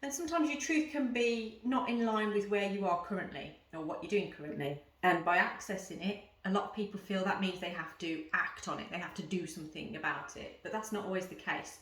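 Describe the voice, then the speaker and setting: A woman's voice: mid-range voice, a little fast, few pauses, fairly bright tone. A woman guiding a yoga and breathing lesson, giving informal step-by-step instructions and explanations to the camera. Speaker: yoga teacher. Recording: roomy echo, voice at some distance.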